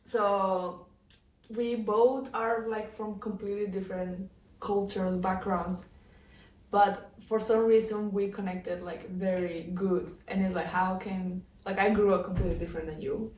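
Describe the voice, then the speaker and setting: This Colombian woman in her twenties co-hosts a casual podcast chat, giggling often and packing her speech with "like." Her voice is medium-pitched, steady, unhurried and darkish. She's in an indoor room in the Netherlands, captured by a distant mic in an echoey space.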